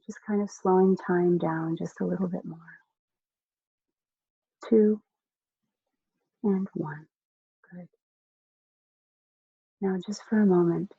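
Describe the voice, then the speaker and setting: A hypnotist guiding a listener through slow, soothing relaxation, giving soft instructions with long pauses. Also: medium pitch, steady tone, vocal fry, breathy edge, dry recording, dull audio. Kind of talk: guided relaxation hypnosis script.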